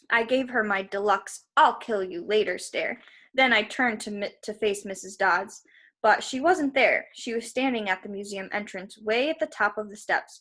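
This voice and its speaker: Here a woman narrates a story aloud in a mid-range, somewhat bright voice, bringing expression to the reading. Informal asides to the listeners are mixed into her narration.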